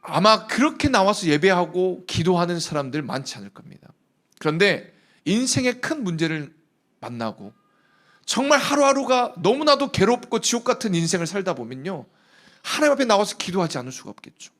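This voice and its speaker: Animated high-voiced male pastor preaching. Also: brisk. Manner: animated, conversational preaching with rhetorical questions. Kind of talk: sermon.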